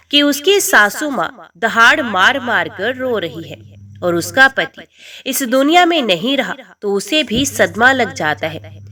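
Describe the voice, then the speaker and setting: Woman narrator, devotional tale, dramatic, lively pitch, bright. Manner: expressive, dramatic. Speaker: storyteller.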